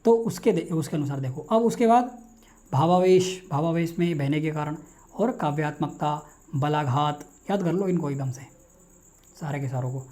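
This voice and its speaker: A man teaching linguistics in a quick, repetitive lecture style, asking and answering his own questions. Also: a little high, warm tone. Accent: Hindi. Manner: rapid, repetitive, quizzes himself aloud. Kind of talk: online exam-prep lecture.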